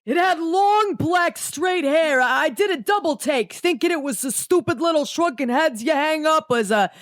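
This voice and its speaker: Brief: woman acting as a rattled neighbor, high and slow, reading a witness quote, dry close sound. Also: lively intonation, dry recording. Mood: incredulous. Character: rattled neighbor who laughed at a severed head.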